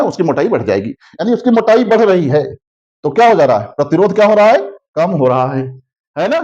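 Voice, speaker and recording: A man with a Hindi accent teaches a classroom physics lesson in a high, animated voice that swoops up and down. He keeps checking with his students and drags out key terms slowly. The audio is slightly dull and lo-fi. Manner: repetitive, constantly asks "है ना?" checking understanding; slows down to spell out key terms.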